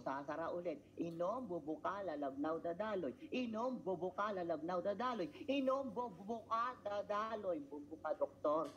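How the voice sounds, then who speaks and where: A man's voice: fairly high pitch, dull audio, slight background noise. A man from the Philippines leading a product training seminar, asking listeners rhetorical tag questions and drilling points through repeated chant-like phrases.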